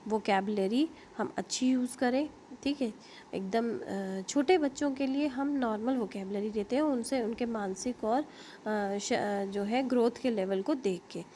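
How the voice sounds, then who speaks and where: A woman's voice: fairly high pitch, a little slow, warm tone, a little hiss or hum. An Indian woman teaching an online linguistics lecture, explaining terms with frequent fillers, self-corrections and checks like "okay?".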